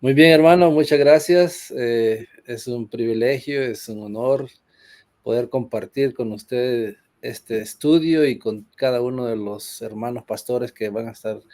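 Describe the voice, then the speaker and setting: A man's voice: medium pitch, a little slow, darkish tone. A man from Honduras, a pastor, speaking earnestly in a conversational church discussion with frequent hesitations.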